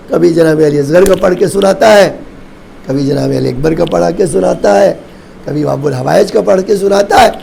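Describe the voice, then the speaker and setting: Gravelly high-pitched man preaching. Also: low-quality recording. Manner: emotive recital with sharp rises and drops. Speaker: Shia cleric reciting a majlis. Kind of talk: mournful devotional sermon storytelling.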